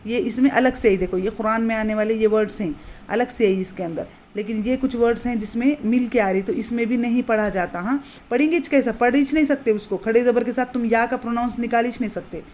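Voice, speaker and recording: A woman teaching Quran reading in a patient, explanatory way, repeating words slowly and drawing them out. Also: on the high side, darkish tone, a little hiss or hum. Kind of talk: slow explanatory lesson.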